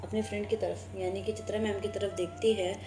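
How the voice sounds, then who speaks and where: A woman's voice: mid-range voice, little pitch movement, fairly quick, background noise. A woman narrating a love story casually, slipping English words into her Hindi and stumbling over restarts. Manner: frequent stammered restarts. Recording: echoey room with soft music behind.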